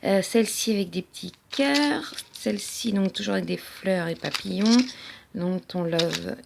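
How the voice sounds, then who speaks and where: A woman's voice: mid-range voice, a little slow, creaky, background noise. A woman chatting casually as she shows off her craft-supply haul, hesitating often with fillers. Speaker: crafting vlogger. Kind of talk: casual haul show-and-tell. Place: at home.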